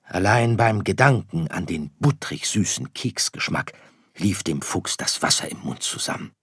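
A man reading a children's story aloud in a slow, expressive, soft-voiced way. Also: sits low, slightly rough, dry recording, studio quality. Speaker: narrator.

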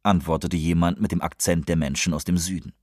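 Deep husky male audiobook narrator. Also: no echo, studio quality. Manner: calm, measured storytelling. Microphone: close studio mic.

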